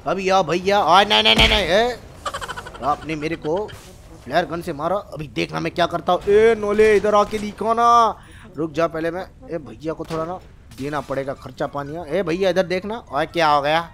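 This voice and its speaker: A man runs a gaming channel, riffing on gameplay with character voices in a teasing, excitable way packed with exclamations. His voice is a little high with some vocal fry, he talks at a normal speed, and there's slight background noise.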